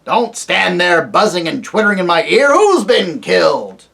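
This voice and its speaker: A reader voicing a very old, deaf and irritable male dwarf who talks loudly and mishears words, in a storybook reading. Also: medium pitch, very animated, normal speed, creaky, pitched above the performer's own voice. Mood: testy, loud. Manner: loud, testy, mishears words.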